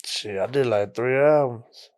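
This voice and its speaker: Smooth-voiced man, laid-back storyteller. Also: mid-range voice, measured pace. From Mexico. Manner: relaxed storytelling, frequent "you know what I'm saying". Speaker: rapper guest. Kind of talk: casual podcast interview.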